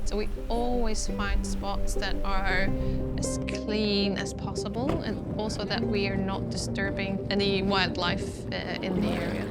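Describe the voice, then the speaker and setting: Earnest woman over music. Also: mid-range voice. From Lofoten, Norway. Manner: earnest and enthusiastic. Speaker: company co-founder and CEO. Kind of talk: documentary interview. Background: loud background music.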